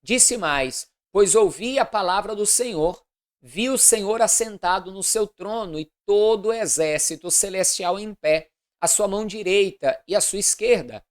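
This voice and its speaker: A woman, reading scripture aloud in a measured, deliberate way and adding commentary. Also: medium pitch. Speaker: Bible reader.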